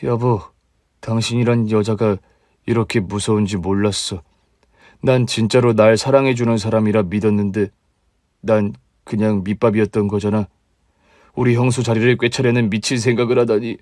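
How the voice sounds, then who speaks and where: A man's voice: lowish voice, fairly even intonation, normal speed, darkish tone, dry recording, close to an everyday voice. A man voicing a young husband who speaks in a dry, resigned, cutting way in a radio drama. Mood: disillusioned.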